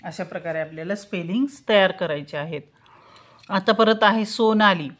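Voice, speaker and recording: Woman tutor, patient, slow, asks and answers her own questions, mid-pitched voice. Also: fairly bright tone. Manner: spells out letters syllable by syllable. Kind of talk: teaching lesson.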